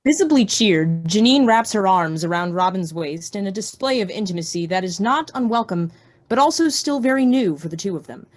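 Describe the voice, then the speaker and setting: A woman's voice: mid-range voice, lively intonation, brisk. A woman reading stage directions aloud in a play reading over a video call.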